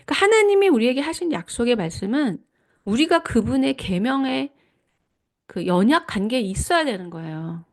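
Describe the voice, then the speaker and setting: A woman's voice: a little high, very animated, moderate pace. A middle-aged woman giving a devotional teaching talk, earnest and reflective, sharing personal testimony and often correcting herself mid-phrase. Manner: reflective, with frequent self-corrections.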